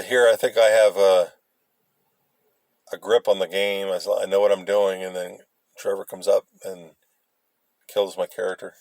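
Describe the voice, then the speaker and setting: A man casually rambling through old memories, halting and hesitant as he searches for details. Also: lowish voice, a little mellow, no echo. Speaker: vlogger recounting memories. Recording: noisy, with vehicle and ambient sound.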